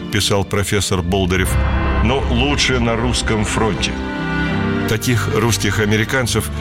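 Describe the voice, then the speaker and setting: A man reading a scripted documentary narration in a measured way, quoting old letters in the same voice. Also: fairly low pitch. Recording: voice-over with loud music underneath. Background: music bed.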